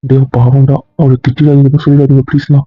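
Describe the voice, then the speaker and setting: ஒரு ஆண் நடிகர், அவளைப் பார்க்க வேண்டும் என்று திரும்பத் திரும்பக் கெஞ்சும் பதற்றமான இளைஞனாக நடிக்கிறார். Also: male voice, mid-range voice, monotone, fast talker, no echo. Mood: pleading. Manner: pleading, repeats please. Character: anxious young man begging to see her. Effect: heard over a video call. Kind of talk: web serial acting. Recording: tinny phone-like lo-fi sound.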